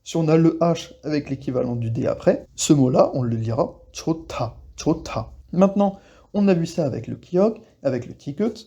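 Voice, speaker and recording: A man teaching Korean pronunciation to French speakers in a casual, reassuring way, slowly repeating example words. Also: a little high, lively intonation, creaky, mellow, husky, dull audio.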